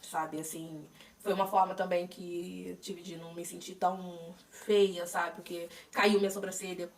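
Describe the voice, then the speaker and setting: A woman's voice: fairly low pitch, level tone, moderate pace. A young Brazilian woman with a Brazilian Portuguese accent, openly telling her own story in a chatty personal vlog, with fillers and restarts. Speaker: vlogger sharing her cancer treatment. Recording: voice a bit distant from the mic, faint noise.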